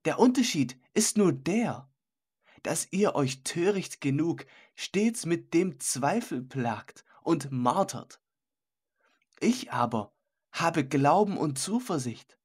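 A scoffing, carefree host in an audiobook, voiced by a man with a raised, loud voice that brushes warnings aside. The tone is husky and the delivery slow and unhurried. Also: a little high, very animated, heavily acted. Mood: scornful. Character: jovial scoffing male host, carefree and mocking. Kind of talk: audiobook character voice.

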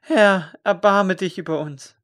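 A man's voice: sits high, a little slow, a bit bright, voice pushed up. A man voicing a distraught young scribe. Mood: anguished. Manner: anguished, crying out. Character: distraught young male scribe, grief-stricken.

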